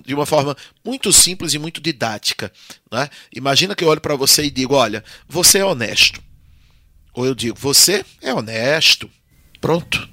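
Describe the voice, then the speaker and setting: A man with a Brazilian Portuguese accent, lecturing in a clear, bright tone. He talks like a patient teacher and keeps checking in with the listener. The room is very dry, with the mic close up. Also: mid-range voice, no room sound. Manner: didactic, often adds tag questions. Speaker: Portuguese language teacher, guest. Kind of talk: explanatory podcast conversation.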